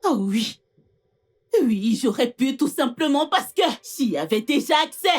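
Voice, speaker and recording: A woman dubbing a vengeful, obsessive woman who shouts insults and threats. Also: high voice, lively intonation, a little slow, breathy edge, soft background music, exaggerated voice. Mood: furious. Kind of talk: dubbed film acting.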